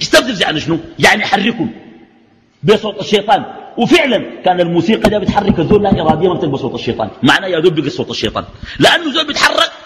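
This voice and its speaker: A man's voice: sits high, a bit bright, slight background noise. A man with a Sudanese Arabic accent teaching a religious lesson, arguing through a stream of rhetorical questions. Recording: echoey hall reverb.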